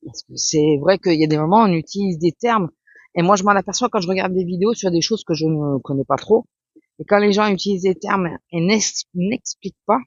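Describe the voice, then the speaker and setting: A woman's voice: lowish voice, no echo. Woman vlogger, casual rambling chat, muffled dry home recording. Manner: rambling, chatty, many fillers. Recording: dull lo-fi sound.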